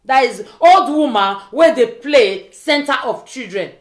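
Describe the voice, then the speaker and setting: A woman's voice: high voice, animated, measured pace. A woman with a West African accent delivers an informal pidgin rant like a social media vlogger, scolding and repeating pointed rhetorical questions. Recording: echoey, roomy sound.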